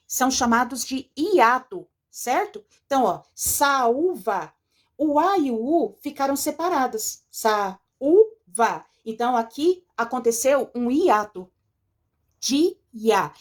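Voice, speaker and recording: A woman teacher talks through a textbook lesson in a slightly high voice. She explains step by step with patience, often pausing to ask her pupils if they follow. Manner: patient, explanatory, checks in with "certo?" and "tá?". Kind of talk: recorded remote lesson walking through a textbook.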